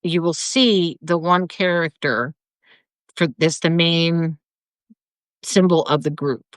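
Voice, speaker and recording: A woman in casual chat, explaining slowly with many restarts and fillers. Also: fairly low pitch, dry recording. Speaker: co-host.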